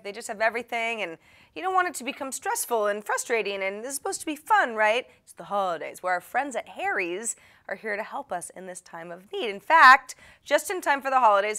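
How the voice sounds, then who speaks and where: With a fairly high, fairly bright voice, a woman fronts a tech tips show. She speaks to her viewers in a wry, playful, chatty style, half scripted and half casual.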